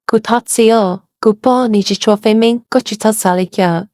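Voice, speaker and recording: A woman's voice: a little high, brisk, a little mellow, no echo, studio quality, close to an everyday voice. A woman playing a sorrowful young village woman. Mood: pleading.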